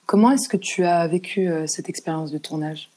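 Hosting a podcast interview, a woman with a slightly low-pitched, somewhat mellow voice puts questions to a guest. She speaks conversationally at a normal speed in an informal spoken flow.

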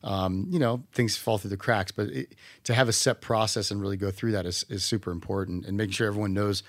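A man hosting a casual podcast interview, chatty and quick to agree with his guest. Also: lowish voice, steady tone, no room sound. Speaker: podcast host.

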